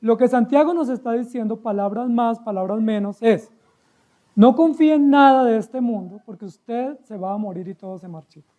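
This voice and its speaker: A man's voice: very high-pitched, normal speed, narrow, tinny audio. A man with a Colombian accent preaching an expository sermon as pastor, emphatic and full of rhetorical questions to his listeners.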